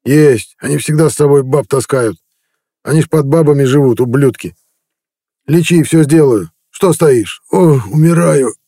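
A man's voice: fairly high pitch, moderate pace, mellow, no room sound, studio quality, pitched above the performer's own voice. A man voicing a drunk, brutish male village chief in pain, roaring threats and orders. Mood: pained, bargaining.

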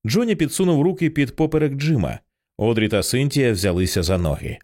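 A man narrating an audiobook in an expressive, tense storytelling style. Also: medium pitch, a little fast.

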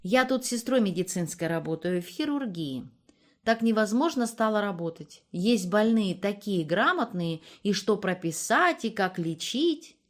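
A woman's voice: mid-range voice, lively intonation, a little slow, lightly acted. A woman voicing a nosy, cheeky young village nurse who talks chattily and coquettishly. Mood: chatty, prying.

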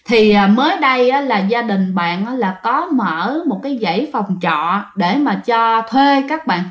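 A woman's voice: on the high side, expressive, unhurried, roomy sound. Chatty Southern Vietnamese woman telling ghost stories. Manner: chatty, addresses listeners directly. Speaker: ghost story narrator. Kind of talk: casual spoken storytelling.

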